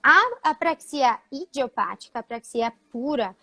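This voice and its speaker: A woman's voice: high-pitched, lively intonation, unhurried, pushed and bright. A woman speech therapist, explaining patiently in a live talk, with frequent fillers.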